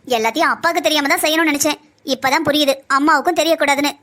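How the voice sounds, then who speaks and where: A woman voicing a sharp-tongued, scheming young woman who pushes and coaxes her family in a cartoon drama. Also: sits high, racing. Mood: plotting. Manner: pushy, coaxing.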